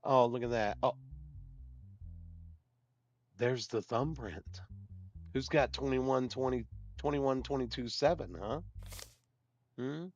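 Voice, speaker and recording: A man's voice: mid-range voice, takes it slowly, long pauses, muffled recording. Joking man streaming a judge game. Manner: loud, joking, swears freely, mock-judge pronouncements. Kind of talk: casual gaming commentary.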